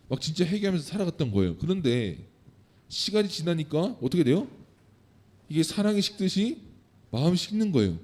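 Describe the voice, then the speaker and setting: A man's voice: fairly high pitch, mellow. A man giving a sermon to children, asking them questions and answering them himself. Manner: acts out quoted lines of God and the people. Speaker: children's pastor.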